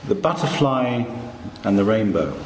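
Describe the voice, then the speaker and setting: A man narrating a guided meditation in a calm, hushed, soothing manner, with long pauses between short phrases. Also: lowish voice, reverberant, over music.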